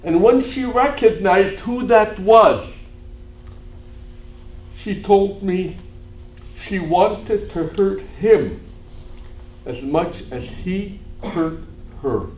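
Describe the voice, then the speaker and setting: A man, a priest, telling a story in a retreat sermon, dropping to a hush and rising to shouts. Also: high-pitched, expressive, drawn-out words, long pauses. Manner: dramatic storytelling, swings from hushed to shouting. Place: cathedral. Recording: echoey church hall, faint room noise.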